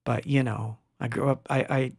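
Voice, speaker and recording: Broadcasting from a home studio, this middle-aged livestream host from Argentina chats casually, rambles, laughs a lot and calls out chat viewers by name. He speaks at normal speed with a medium-pitched, creaky, husky voice and fairly even intonation, and the sound is clean with no echo.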